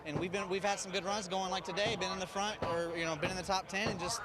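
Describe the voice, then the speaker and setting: A man's voice: sits high, steady tone, fast. A man, a racing driver, giving a rambling, matter-of-fact account in a trackside interview. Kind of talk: unscripted post-crash interview. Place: outdoors at a racetrack. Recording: crowd and vehicle noise behind.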